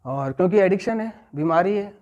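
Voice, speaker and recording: Man leading a recovery class, somewhat high. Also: animated, a little fast, darkish tone. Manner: checks in with listeners, repeats key phrases. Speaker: addiction recovery class leader. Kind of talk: storytelling lecture. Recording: muffled lo-fi recording.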